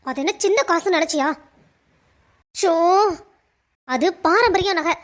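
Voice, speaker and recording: A woman's voice: extremely high pitch, lively intonation, slow pace, heavily acted. A woman voicing a proud, scolding mother-in-law in a cartoon, lecturing sharply. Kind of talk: cartoon voice acting.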